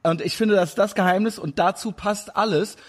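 A man in his forties, speaking high-pitched and fairly quickly, interviews a guest casually over video call. His talk rambles, peppered with fillers and restarted sentences.

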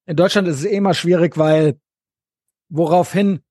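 A man's voice: on the high side, moderate pace, a little mellow, no echo, clean studio sound. A man from West Germany co-hosting a podcast, chatting casually and slangily about politics, often tacking on tag questions. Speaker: podcast co-host.

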